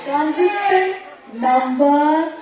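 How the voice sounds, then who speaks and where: A woman hosting a pageant live on stage, announcing in a pumped, projecting voice with drawn-out suspense. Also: high voice, very noisy. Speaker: pageant host announcing contest winners. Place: large echoing event venue with audience. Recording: echoey hall PA from far off, crowd.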